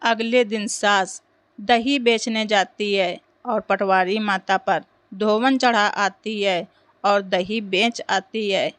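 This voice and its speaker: Woman storyteller, scripted folk tale narration, slow pace, dry close sound. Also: medium pitch, fairly even intonation, a bit bright, no room sound.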